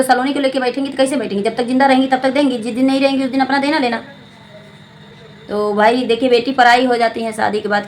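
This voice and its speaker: A woman's voice: fairly high pitch, a little hiss or hum, low-quality recording. A young adult woman, giving preachy, scolding commentary to her viewers and repeating her points. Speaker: vlogger commenting on a family channel. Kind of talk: casual spoken commentary to viewers.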